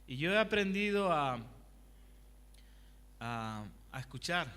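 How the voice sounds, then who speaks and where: A man's voice: on the high side, very animated, takes it slowly, sharp tone, clear, resonant tone. A male pastor preaching a conversational sermon, asking the congregation questions and telling personal anecdotes. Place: church hall. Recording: long hall reverb.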